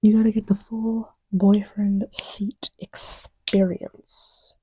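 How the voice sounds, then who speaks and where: A woman plays a partner to the listener in an audio roleplay, casually and intimately chatting while testing markers; she teases, rambles playfully, and often falls to a near-whisper as if beside them. Her mid-range voice is mellow and breathy-edged, slow with a flat delivery, in a dry, rough recording.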